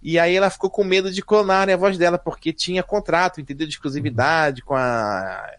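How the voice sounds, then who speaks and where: Dry-voiced Rio man, lively storyteller. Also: a little high, a little fast, dry recording. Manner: lively and slangy, voice rising and falling. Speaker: podcast guest, programmer. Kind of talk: casual storytelling chat.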